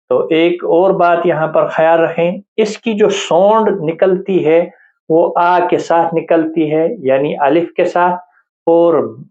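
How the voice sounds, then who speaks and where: A man's voice: on the high side, phone-quality sound. Patient man teaching letter sounds. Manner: patient and explanatory, repeats each letter sound. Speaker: Quran reading teacher. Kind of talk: spoken lesson with slow drawn-out example sounds.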